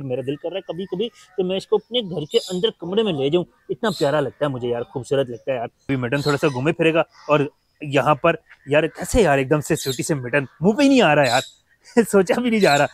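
A man's voice: a little high, expressive, quick pace, a little hiss or hum. A man chatting casually as he shows his mini zoo, fondly talking to his birds and pets. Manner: chatty, fond, talks to his animals. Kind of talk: casual vlog chat.

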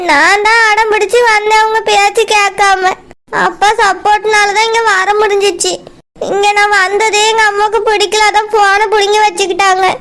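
A woman's voice: very high-pitched, fairly bright tone, slight background noise. A woman voicing a tearful young village woman in a cartoon, a student in love who is afraid of her strict parents. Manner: tearful, pleading. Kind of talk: cartoon voice acting.

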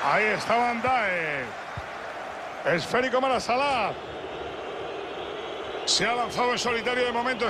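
A man with a Castilian Spanish accent giving play-by-play football commentary for a video game, with excited goal calls. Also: high voice. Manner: excited goal calls with drawn-out repeated shouts. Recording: loud stadium crowd noise. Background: roaring stadium ambience.

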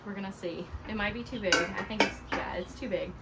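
A woman's voice: medium pitch, a little fast, very noisy. A young woman, gushing about her decor in a casual vlog on an outdoor patio, laughing often. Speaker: home decor vlogger.

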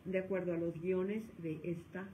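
A woman psychologist with a Mexican accent giving a lecture, animated and acting out the scolding voices of parents. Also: fairly low pitch, moderate pace, a little hiss or hum, low-quality recording.

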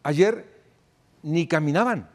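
A man's voice: on the high side, expressive, takes it slowly. An older man with a Mexican accent, a soccer pundit arguing emphatically in a studio debate. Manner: emphatic, laughs while pleading.

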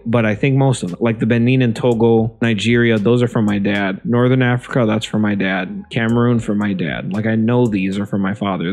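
A young man vlogging casually from a small room at home, talking into a desk microphone in front of a green screen, chatty and relaxed, often repeating himself and saying um. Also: fairly low pitch. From Ohio, USA. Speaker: YouTube vlogger. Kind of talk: casual vlog talk. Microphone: desk microphone near the face.

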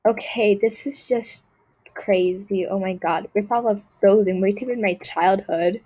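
A woman's voice: mid-range voice, steady tone, measured pace, warm tone, slightly rough, poor audio. A woman voicing a snobby, spoiled rich girl in a game role-play skit, talking with haughty disgust and lots of "like" and "ew". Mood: snooty. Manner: haughty, dismissive, full of "like" and "ew". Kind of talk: role-play skit voiced over gameplay.

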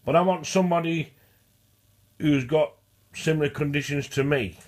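A man who stutters rambles to the camera in a casual vlog, his voice fairly high and his pace moderate. He keeps restarting and repeating phrases as he talks.

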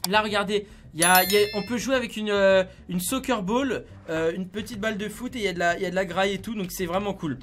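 A man giving casual, excitable commentary on a video game, chatting to his viewers like friends. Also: high voice, fast talker, hardly any pauses. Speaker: gaming YouTuber.

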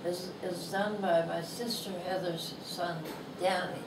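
In an indoor bookstore, a ninety-something Canadian writer reads her humorous essay aloud, slowly and with gentle amusement. Her voice is thin and not strong, on the low side, with fairly even intonation. Captured by a lapel mic and filmed from across the room, the audio has distant, echoey shop sound and background noise.

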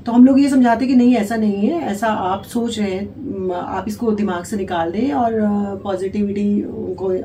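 A woman's voice: mid-range voice, normal speed, hardly any pauses, warm tone. A woman doctor and health officer answering interview questions, explaining patiently with frequent hesitations. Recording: distant mic with faint noise.

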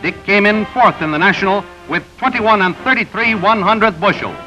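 A man reading scripted newsreel narration in a brisk announcer delivery, heard through an old 1930s newsreel soundtrack. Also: high-pitched, lively intonation. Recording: dull lo-fi 1930s newsreel with music. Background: music bed.

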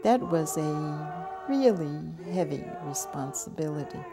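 Woman, deep slow voice, serious, music playing behind. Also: lively intonation. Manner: measured, serious. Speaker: interviewee, former activist. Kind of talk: documentary interview.

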